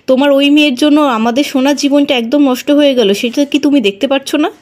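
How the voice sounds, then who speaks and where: An angry uncle tears into his family, as a woman reads his lines. His words are harsh and scolding. The voice stays high and close to a plain reading. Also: fast, a little mellow, natural voice.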